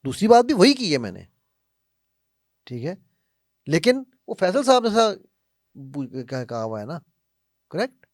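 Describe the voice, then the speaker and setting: A man's voice: sits high, very animated, long pauses, no room sound, clean studio sound. A man giving an emphatic self-help talk on faith, often checking with "right?" and asking rhetorical questions, mixing English phrases into his speech. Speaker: motivational speaker.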